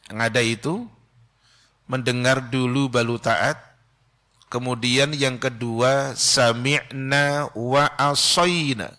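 A middle-aged man giving a Friday sermon from a mosque pulpit, slow and measured, with quick Arabic recitation. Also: mid-range voice, sharp tone. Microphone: stand mic close to mouth.

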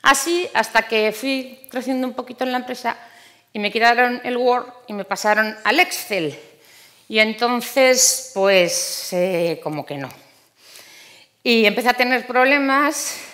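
A woman's voice: fairly high pitch, fairly bright tone. Woman telling her story in a monologue. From Spain. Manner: ironic storytelling, repeats words for effect. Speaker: speaker giving a monologue. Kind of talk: theatrical first-person monologue. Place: theater stage.

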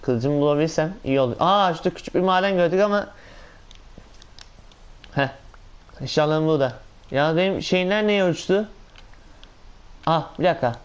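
A man giving casual, excitable commentary on his own gameplay, talking to himself and exclaiming often. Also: a little high, normal speed, pauses often, clear, resonant tone. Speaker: gaming channel host.

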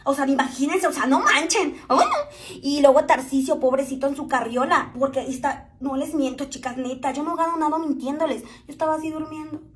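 A woman's voice: sits high, fairly even intonation, fairly quick, few pauses. A woman with a Mexican accent chatting and joking with viewers while doing her makeup on a live stream, often calling them "chicas". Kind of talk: casual chat to viewers.

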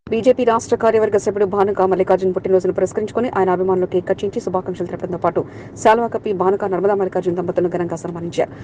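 A woman's voice: mid-range voice, over music. A woman reading scripted local news as a voice-over, rattling through long lists of names. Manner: rapid, even newsreading through long name lists. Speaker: news reader.

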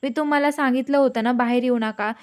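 A woman reading the lines of a bossy, scolding young man, fussy caretaker, high voice, retold serial story. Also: fairly even intonation, fast, darkish tone, smooth, natural voice.

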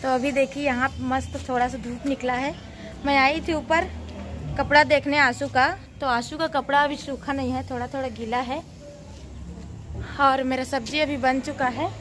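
Young woman vlogger, high bright voice, casual phone-camera chat, faint room noise. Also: fairly even intonation, moderate pace. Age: 20s. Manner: chatty, shows things to viewers. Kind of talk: casual home vlog chat. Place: home kitchen and rooftop.

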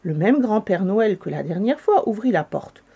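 A woman's voice: mid-range voice, normal speed, gravelly, breathy edge, dull audio. Woman reading a children's story. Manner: calm, gentle narration.

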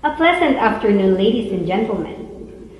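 A woman's voice: mid-range voice, sing-song. Echoey airport announcement by a young woman. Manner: formal, measured public-address delivery. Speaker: flight attendant. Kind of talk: scripted airport and cabin announcement, like a boarding call. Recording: echoey, reverberant, faint background noise.

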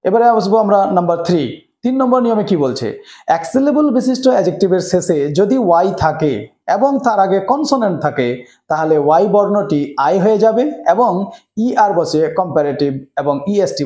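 A man's voice: a little high, dark tone. A man, teaching a grammar lesson to students and explaining each rule step by step. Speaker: English teacher. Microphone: camera mic, presenter on screen. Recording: echoey room.

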